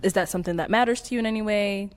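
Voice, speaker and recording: A woman's voice: mid-range voice, racing, slight background noise. A woman hosting a dating show, upbeat, asking short questions and laughing easily.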